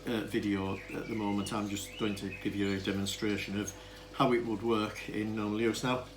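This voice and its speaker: This vintage telephone hobbyist has a fairly low voice with little pitch movement and speaks at normal speed. His informal, unscripted demonstration wanders hesitantly, and he keeps interrupting himself. It's captured on a clearly noisy amateur camera.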